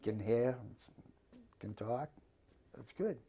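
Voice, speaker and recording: Mellow Boston man in his fifties. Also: mid-range voice, animated, slow pace, a little hiss or hum. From Boston area, Massachusetts, USA. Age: 50s. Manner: blunt, plain-spoken, given to swearing. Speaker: interviewee. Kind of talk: casual chat.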